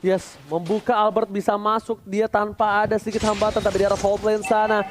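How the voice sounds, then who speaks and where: An Indonesian-accented man doing live esports play-by-play, excitable and playful, mixing in English catchphrases. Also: sits high, brisk, a little hiss or hum. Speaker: esports shoutcaster. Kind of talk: live play-by-play game commentary. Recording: loud game music behind. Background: loud game music.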